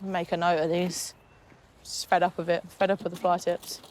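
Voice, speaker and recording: A woman's voice: on the low side, level tone, normal speed, a little mellow, slight background noise. A woman, a council waste worker, talking bluntly and teasing her colleague outdoors. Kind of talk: casual banter at work. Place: outdoors at a fly-tip clearance.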